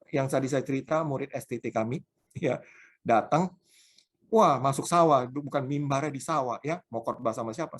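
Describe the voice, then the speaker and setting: A man's voice: medium pitch, slightly rough. A male pastor preaching a sermon, telling personal stories with emphasis.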